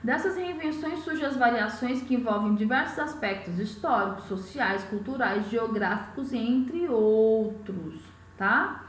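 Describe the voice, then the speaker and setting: A woman's voice: fairly high pitch, animated, measured pace. A woman from Goiás with a Goiás accent, teaching an exam-prep class step by step and often checking in with "né?" and "tá?". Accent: Goiás Brazilian Portuguese. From Goiás, Brazil. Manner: explains step by step, often asks "né?" and "tá?". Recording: echoey room, mic at a distance.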